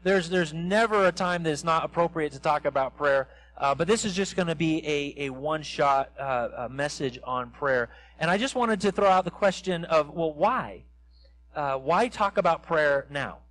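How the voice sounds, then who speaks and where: A man's voice: on the high side, moderate pace, fairly bright tone, poor audio. A man in his forties preaching an interactive sermon in a church sanctuary, quizzing the congregation as he walks about. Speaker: pastor.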